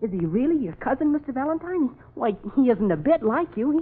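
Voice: high-pitched, sing-song, fairly quick, breathy edge, exaggerated voice. A performer playing an eager, chatty young office boy in a 1940s radio drama. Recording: muffled vintage radio recording.

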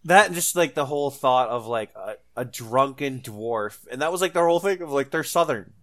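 A man's voice: medium pitch, animated, fairly quick. A man chatting casually about tabletop games, telling stories in a crude, offhand way.

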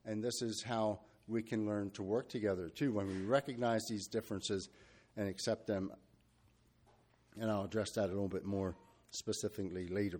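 A man preaching a sermon, talking freely with fillers and restarts, and reading scripture in a steady measured cadence. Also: lowish voice. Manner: unscripted and searching, with restarts and fillers.

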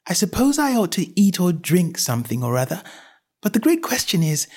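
A man voicing Alice, a curious, fretful young girl, raising his pitch to sound earnest and wondering. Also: very animated, a little fast, a little mellow. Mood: wistful.

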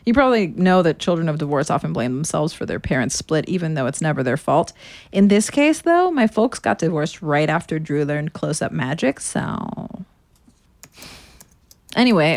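An American woman in her thirties plays a sardonic woman narrating a confessional audio diary. Her low voice has vocal fry, and her mood is dry and nostalgic, delivered with sarcasm and casual profanity. The recording is dry.

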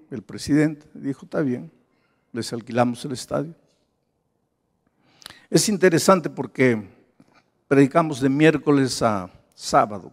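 A male pastor giving a storytelling sermon, lively and full of acted quotes. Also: mid-range voice. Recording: long hall reverb.

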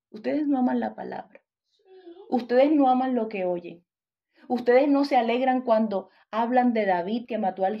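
A woman preacher giving an impassioned sermon, addressing the congregation directly, on a dull lo-fi recording. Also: on the high side.

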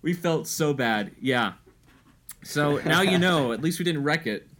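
A man's voice: fairly high pitch, lively intonation, unhurried, fairly bright tone. A young adult man hosting a podcast in casual chat, telling a story animatedly and acting out quotes. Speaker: podcast host.

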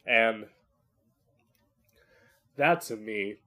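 Slow-talking campy man, drag queen podcaster. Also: fairly low pitch, pushed and bright. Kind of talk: rambling solo podcast chat. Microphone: podcast microphone, live streamed.

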